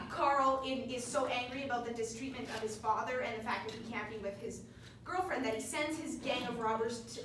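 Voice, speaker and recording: Young woman student retelling a play, sarcastic and chatty, mic kinda far, faint hiss. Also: a little high. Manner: chatty, sarcastic, many fillers. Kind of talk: casual plot retelling. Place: room with a study group. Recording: echoey room, distant mic, faint noise.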